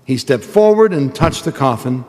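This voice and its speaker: A man's voice: mid-range voice, expressive, moderate pace, darkish tone. A male priest reading the gospel and giving a homily in a chatty, self-mocking storytelling manner, recorded in a church with a long cathedral-like reverb.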